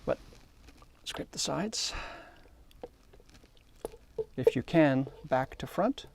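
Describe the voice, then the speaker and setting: A man's voice: mid-range voice, animated, extremely slow, gravelly, darkish tone, slight background noise. A man demonstrating a hands-on hobby technique, chatty and enthusiastic as he narrates while working. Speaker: hobby instructor. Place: workshop.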